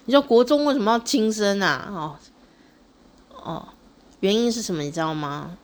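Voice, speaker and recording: A middle-aged woman with a Taiwanese Mandarin accent tells a story in a casual monologue. She speaks expressively and often tags her phrases with a drawn-out "oh.". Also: mid-range voice. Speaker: vlogger.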